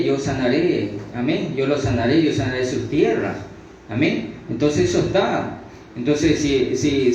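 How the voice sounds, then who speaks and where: In an echo-heavy room captured by a far-off mic, the audio is dull with a trace of noise. The speaker is a preacher with a slightly mellow, mid-range voice and a Latin American Spanish accent, teaching the Bible without a script. He keeps repeating himself, restarts in a halting way and drops "amen" between phrases.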